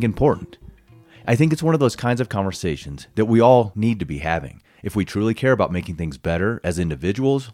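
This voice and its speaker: A man hosting a conversational podcast, speaking in an earnest, measured way as he introduces his guest and asks questions. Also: fairly low pitch, darkish tone, no echo, clean studio sound. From Colorado. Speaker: podcast host. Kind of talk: podcast interview.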